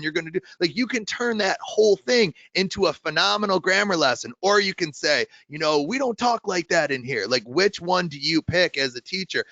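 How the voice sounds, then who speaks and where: A man hosting an education podcast, talking in an emphatic, animated conversational way. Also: on the high side, no room sound, highs cut off. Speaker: podcast host. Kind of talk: conversational interview.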